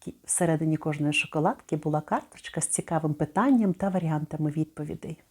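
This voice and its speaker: A middle-aged woman teaches pronunciation in a warm, mellow voice that sits a little low. She spells out each word slowly and carefully, then repeats it for the listener to copy. It has the patient, measured rhythm of a recorded lesson. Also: slightly rough. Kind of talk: spoken lesson.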